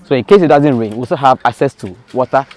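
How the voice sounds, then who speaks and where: A man guides visitors around a school farm, talking quickly. He explains things plainly and stops now and then to find the right word. The recording is outdoors, in the open air. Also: mid-range voice, a little mellow, no echo. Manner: explanatory, hesitant with fillers.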